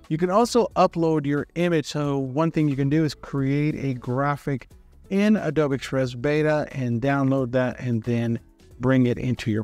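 A man talking through a software tutorial at an easy, steady pace. His voice sits in a middle pitch and is recorded dry and close. He explains each click in a friendly, matter-of-fact way. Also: no room sound. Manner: relaxed, step-by-step, friendly explaining.

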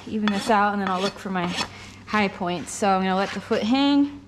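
During a relaxed hoof trimming demo in a concrete-floored indoor barn, a young woman's mid-range voice comes in brief, hesitant phrases as she thinks aloud. Filing, scraping and clanking tools are heard clearly throughout.

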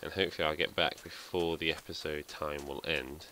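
A man gives casual, rambling commentary over his game in a steady tone and slightly fast pace, his voice extremely deep but bright and forward, with a little hiss or hum. Like a let's play host, he talks through his thoughts and pokes fun at himself.

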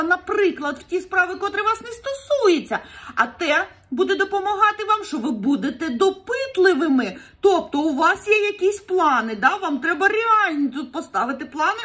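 A woman with a very high voice talks straight to her viewers as she reads tarot cards. Her delivery is chatty and earnest, full of little fillers and quick laughs. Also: fairly bright tone. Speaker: tarot reader. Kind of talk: casual tarot reading advice to viewers.

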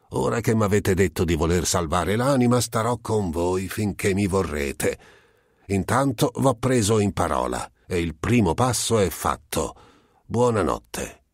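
A man voicing a pious wandering vagabond who speaks slowly and solemnly and sometimes erupts in fury, in a storybook reading. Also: low-pitched, no room sound, clean studio sound. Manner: slow and solemn, bursting into fury.

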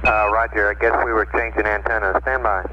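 A man with a slightly low, flat voice relays procedural messages as a mission-control communicator. He sounds matter-of-fact over a muffled, narrow archival space radio transmission. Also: quick pace. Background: loud radio static and noise.

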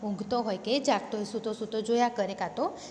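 A woman's voice: fairly high pitch, a little fast, a little mellow. A woman teacher with a Gujarati accent reads a story lesson aloud, then retells each line in simpler words. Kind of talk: reading and explaining a story lesson. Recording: echoey room with faint noise.

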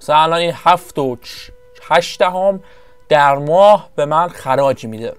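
A man giving casual, rambling commentary over his own strategy game session, often pausing to search for the right word. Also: fairly high pitch, clean tone, no room sound. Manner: chatty, rambling, searches for words. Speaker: gameplay commentator.

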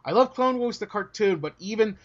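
A British man co-hosting a casual podcast chat, joking and cutting himself off, his voice starting to go hoarse. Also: high voice, a little fast. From Britain. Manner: animated, joking, self-interrupting. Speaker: podcast co-host. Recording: dull lo-fi audio.

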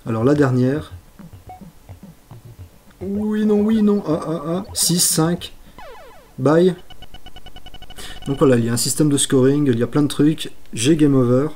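A man with a higher voice plays old games on stream, speaking at normal speed with long pauses against slight background noise. He's excitable, exclaiming at his errors, talking to himself, and adding self-mocking remarks.

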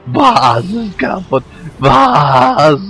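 A man commentating his own video game playthrough, frustrated and swearing, his voice going hoarse, with sudden high-pitched yelps. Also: big pitch swings, extremely slow, pushed and bright, faint music behind. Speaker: let's play gamer.

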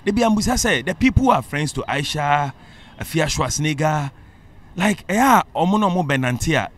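A man's voice: fairly high pitch, animated, normal speed, fairly bright tone. A Ghanaian man in a casual podcast chat, giving blunt opinions and switching between English and a local language. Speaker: podcast guest.

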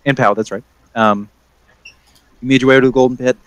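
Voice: mid-range voice, steady tone, a little fast. Casual rambling tabletop game master. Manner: casual, rambling narration with many ums.

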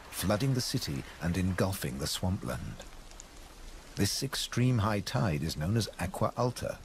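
A man reading scripted nature documentary narration in a measured way, with dramatic pauses for emphasis. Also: fairly low pitch, noisy background. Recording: loud music under studio narration. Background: prominent music.

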